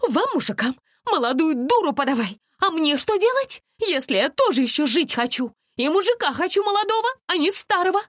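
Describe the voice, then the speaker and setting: Woman putting on a high screeching young woman, hysterical, whiny, swooping, storybook role. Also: very animated, brisk, hardly any pauses, no echo, clean studio sound. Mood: shrill hysterical.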